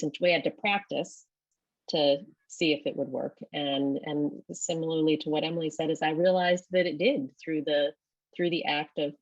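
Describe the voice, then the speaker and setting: A woman's voice: sits low, no room sound, muffled recording. A woman leading a company, answering panel questions thoughtfully and often rephrasing as she goes. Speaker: company leader.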